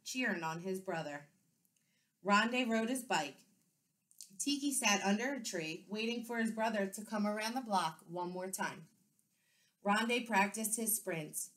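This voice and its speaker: Expressive woman reading a picture book. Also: medium pitch. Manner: clear, expressive storytelling. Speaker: second-grade teacher. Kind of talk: children's book read-aloud.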